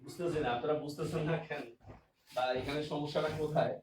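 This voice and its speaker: A man's voice: on the high side, steady tone, fast talker. A man teaching a grammar class online, repeating his examples and often checking whether his students understand. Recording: echoey room, distant mic, faint noise.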